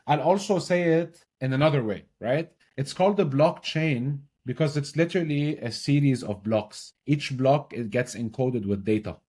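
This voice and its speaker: An energetic young man from Lebanon, speaking in a mid-range voice as a podcast guest. He explains technical ideas step by step in a casual, conversational way, often checking in with a quick "right?". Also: mid-range voice, slightly rough. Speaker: podcast guest, blockchain consultant. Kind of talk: casual explanatory interview talk.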